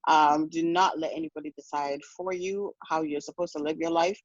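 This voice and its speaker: A woman's voice: low-pitched, steady tone, a little fast, no room sound. A woman from Ghana talks frankly and earnestly on a podcast, circling back and restarting her thoughts. The sound is slightly dull and muffled, with a dry, close feel. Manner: earnest, frank, with many restarts and "you know". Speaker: podcast guest. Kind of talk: casual podcast conversation.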